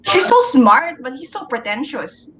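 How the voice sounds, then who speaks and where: A woman's voice: sits high, sing-song, a little slow, a loud crowd. A woman chatting casually at a book club in an emphatic, opinionated way. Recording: faint background noise.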